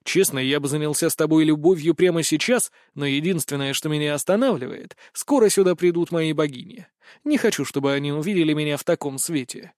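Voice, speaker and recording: A man voicing a brazen young nobleman who talks in a slow, mocking, menacing drawl. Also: on the high side, darkish tone, no room sound, studio quality, natural voice.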